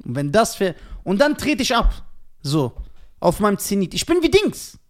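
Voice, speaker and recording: A man with a somewhat higher voice jokes his way through a casual podcast chat. His pitch leaps around in a very lively way, and he often breaks into laughter. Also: moderate pace. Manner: joking, laughs often, animated. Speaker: comedian and podcast co-host. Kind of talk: casual banter.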